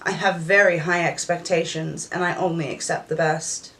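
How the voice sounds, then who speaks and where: A woman speaking to the viewer as a dominatrix in a scripted monologue, commanding, stern and scornful, sometimes slowing down to stress each word. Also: lowish voice, fairly even intonation, fairly bright tone. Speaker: dominatrix content creator.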